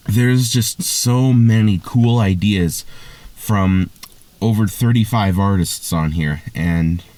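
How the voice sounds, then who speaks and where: A man with a somewhat low voice talks casually and eagerly, piling on praise. He stumbles and restarts often and fills pauses with "uh" and "like". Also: a little mellow. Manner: enthusiastic, gushing praise with many fillers and restarts. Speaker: music reviewer. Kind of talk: casual spoken album review.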